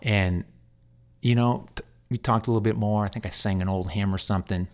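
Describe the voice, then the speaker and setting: A man's voice: on the low side, steady tone, brisk, darkish tone. A man, a hospice chaplain, telling a long story in an earnest, rambling way, repeating words as he goes. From United States. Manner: earnest and pastoral. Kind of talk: storytelling in a faith interview.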